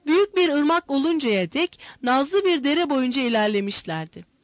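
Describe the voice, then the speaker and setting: A woman reads a story aloud as audiobook narration, measured and expressive. Her voice sits high and moves through a wide, lively range, and the recording is close and dry with no room sound. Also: no room sound.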